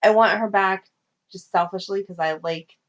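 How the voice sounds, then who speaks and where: A woman co-hosts a fan podcast in relaxed, opinionated chat. Her voice sits at an ordinary middle pitch. The recording is somewhat dull and lo-fi. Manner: chatty, opinionated, acts out characters' lines in quick asides. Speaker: podcast co-host. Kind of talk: casual chat.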